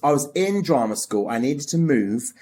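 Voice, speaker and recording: A man's voice: mid-range voice, lively intonation, moderate pace, a little mellow. A man in his forties from England hosting a podcast chat, theatrical and gushing, calling people darling. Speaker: podcast host. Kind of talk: casual chat. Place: festival venue.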